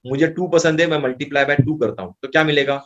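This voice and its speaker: A man with an Indian accent tutoring maths, his voice pitched a little high. He works through each step out loud as he writes. He keeps reassuring the student that it is all simple. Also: fairly quick, highs cut off. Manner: breezy, reassuring, thinks aloud while writing. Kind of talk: explaining maths problems.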